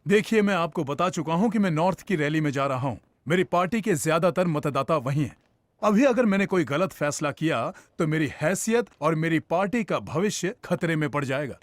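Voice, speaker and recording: A man's voice: on the high side, expressive, normal speed, no room sound, close to an everyday voice. A man playing a cautious, calculating politician. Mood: wary. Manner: guarded, calculating. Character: cautious male politician worried about his party. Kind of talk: Hindi film dub.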